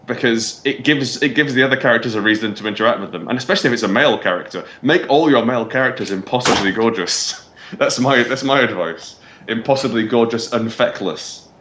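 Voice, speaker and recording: A man chatting casually as a game master, rambling with many restarts and quick laughs. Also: medium pitch, fairly bright tone, slight background noise. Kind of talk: casual podcast chat. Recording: roomy echo.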